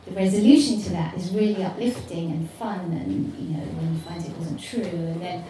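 A woman's voice: lowish voice, normal speed, warm tone. A woman on a book club panel, talking in a rambling, enthusiastic and casual way. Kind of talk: casual discussion. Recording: echoey room, mic far off, faint noise.

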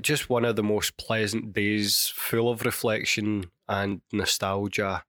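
A Scottish man in his thirties, hosting a casual solo podcast, a little hoarse and bunged up with a cold, chatty and prone to rambling asides. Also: lowish voice, a bit bright, dry recording, clean studio sound. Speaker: podcast host and university chemistry lecturer. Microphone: microphone.

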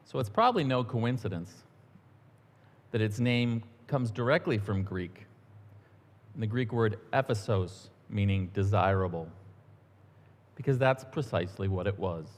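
A middle-aged man giving a relaxed, conversational sermon in church, telling stories with the odd um and aside. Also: lowish voice. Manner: relaxed, storytelling, a few ums and asides. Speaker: church minister. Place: church sanctuary. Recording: long church-hall reverb.

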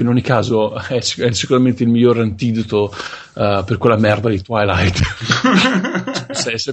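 A man giving a casual film review as a podcast panelist, halting as he searches for the right words. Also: fairly low pitch, husky.

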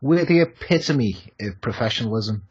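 Man, podcast co-host, dry teasing humor, raspy voice, lo-fi call audio. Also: mid-range voice, lively intonation, normal speed, a little mellow. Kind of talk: casual chat. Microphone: video call.

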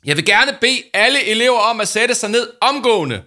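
A man's voice: lively intonation, fairly bright tone. A man voicing a big, always-hungry grown man who bellows with dramatic seriousness in a storybook reading. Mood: shouting. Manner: booming, dramatic, overly serious. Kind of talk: storybook character voice.

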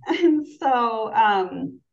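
A woman's voice: fairly high pitch, animated, drawn-out words, dull audio. A woman in her forties chatting casually and reflectively as a podcast guest, often checking in with "right?" and "you know". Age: 40s. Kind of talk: casual, reflective personal chat.

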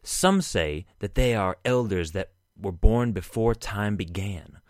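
Man putting on a slow, ominous legend keeper. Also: lowish voice, dry recording, clean studio sound. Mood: ominous, mysterious. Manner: slow, dramatic, ominous storytelling. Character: solemn lore keeper telling an ominous legend. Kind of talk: mock-spooky campfire legend telling.

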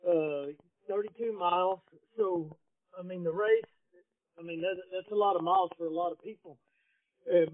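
A man hosts a casual podcast chat, speaking loudly and filling gaps with "um" and "uh." His voice comes through a worn, muffled recording from a faulty device, thin like a phone line and completely dry. He sits a bit above the usual male pitch. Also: dry recording. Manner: loud, chatty, lots of "um" and "uh". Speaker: podcast host.

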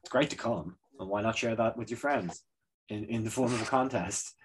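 Hoarse, sick man joking around. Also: on the low side, a little fast. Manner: laughs often, jokey rambling. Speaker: podcast co-host. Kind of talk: casual comedic banter.

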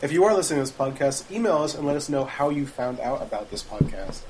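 A man's voice: on the high side, animated, a little mellow, a little hiss or hum, poor audio. A man on a casual podcast who talks eagerly and rants a little. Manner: quick, eager, ranting. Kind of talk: casual chat.

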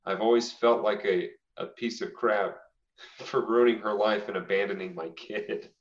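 A young man co-hosting a podcast reads listener confessions aloud casually, often breaking into laughter and saying "dude" a lot. His voice is lowish and steady, at a normal speed. The recording is roomy and slightly dull.

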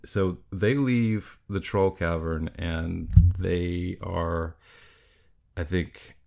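A man's voice: low-pitched, steady tone, extremely slow, creaky, a little mellow. A man in his thirties hosting a podcast, chatting casually about a film, rambling with frequent laughs and restarts. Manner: rambling, laughs often, many restarts and fillers. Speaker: podcast host.

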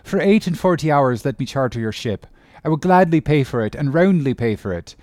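A man's voice: fairly high pitch, animated, a little fast, darkish tone, dry recording, studio quality, pitched above the performer's own voice, natural voice. A man reading an audiobook voices a frantic whaling captain pleading for help to find his lost son. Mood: desperate pleading. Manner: pleading, begging urgently. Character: desperate grieving whaling captain, middle-aged man.

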